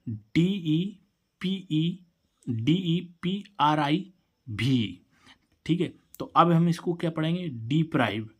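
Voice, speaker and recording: A man teaching an English spelling lesson, asking a question and then answering it himself, and spelling words out letter by letter. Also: fairly high pitch. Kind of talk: classroom-style spelling lesson.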